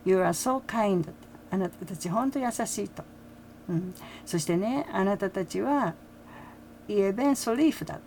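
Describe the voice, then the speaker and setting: A middle-aged woman talking casually about a concert, full of fillers and soft laughs. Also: medium pitch, lively intonation, moderate pace, long pauses, slight background noise. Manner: chatty, many fillers, frequent soft laughs. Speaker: fan reaction vlogger. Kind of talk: casual commentary.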